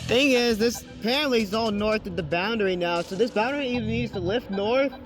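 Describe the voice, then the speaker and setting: A man giving excited, urgent live storm-chase commentary into a phone, repeating his exclamations and often saying dude. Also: sits high, fairly quick. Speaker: storm chaser filming a vlog. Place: roadside and in a car during a storm. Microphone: handheld phone close to the face. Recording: windy phone recording with music behind.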